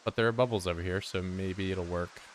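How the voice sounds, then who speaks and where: A man with a fairly low voice talks through his game on a live stream, cracking dry jokes and replying to his viewers as he goes. He seems to be at a home streaming setup, with a faint hiss of noise under his voice. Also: fairly even intonation, a little fast. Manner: dry joking, answers chat aloud. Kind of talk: casual live-stream commentary.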